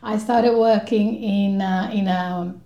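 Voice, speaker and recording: A woman from Colombia with Spanish as her first language, speaking as a guest researcher in a podcast interview, measured and thoughtful with frequent pauses. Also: medium pitch, steady tone, dark tone, echoey room, dull audio.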